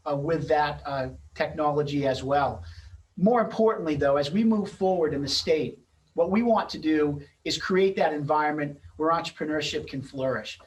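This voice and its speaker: A fairly high-pitched middle-aged man, recorded from a distance in low quality, serves as host and moderator of an event. Over a video-call microphone, his introductions are semi-formal and loosely scripted.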